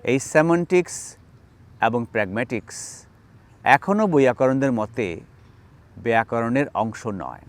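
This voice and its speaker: A man's voice: mid-range voice, lively intonation, a little slow, pauses often. A man from Bangladesh giving an explanatory video lecture on grammar, stressing key terms and walking through spoken examples. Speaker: linguistics lecturer.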